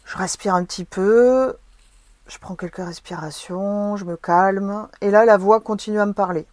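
A woman's voice: mid-range voice, normal speed, a little mellow, dry recording. Woman emotionally retelling a personal experience. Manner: vivid, emotional retelling with hesitations.

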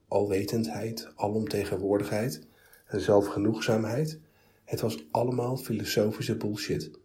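Low, mellow-voiced male storyteller. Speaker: narrator. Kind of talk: scripted story narration.

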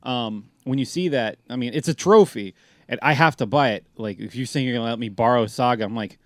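A man's voice: mid-range voice, fairly quick, no room sound, clean studio sound. A man in casual chat who talks in a laid-back, slangy way.

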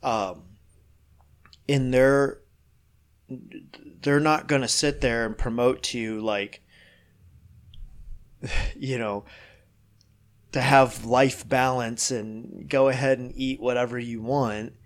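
A middle-aged man talking shop as a fitness coach, loose and rambling, full of "you know" and "like". He is frank and swears now and then, in an easygoing podcast chat at an ordinary pitch. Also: fairly even intonation, takes it slowly, pauses often.

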